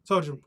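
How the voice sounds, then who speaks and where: This American man's high voice is gravelly, a bit bright and slightly rough, with some wear from a pollen allergy. He chats casually on a live stream from his room at home, rambling and restarting or rephrasing often.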